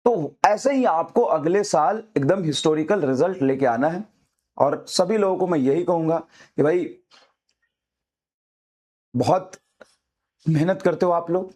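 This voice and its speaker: A man, a teacher, giving a fiery motivational talk to students, repeating his urgings over and over and dropping low and soft for emphasis. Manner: fiery, repetitive exhortations.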